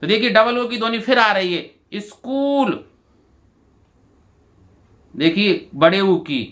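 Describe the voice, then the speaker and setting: A male teacher, going through exam answers and repeating each word slowly to his students. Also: sits high, lively intonation, fairly bright tone. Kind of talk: exam answer walkthrough lesson.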